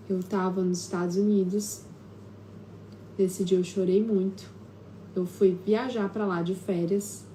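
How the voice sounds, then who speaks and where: Brazilian Portuguese woman, live-stream host and therapist, warm dark timbre, chatty and hesitant, faint background hiss. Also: medium pitch. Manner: conversational, with frequent tag questions and filler hesitations. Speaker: self-healing therapist hosting a live stream. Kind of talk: casual live-stream talk, personal storytelling. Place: at home.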